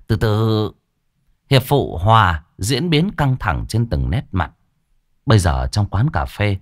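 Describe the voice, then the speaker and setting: Brief: lively, dramatic male audiobook narrator, low and very animated, dry close sound. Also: dry recording. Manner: dramatic, colloquial, earthy. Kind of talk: storytelling narration.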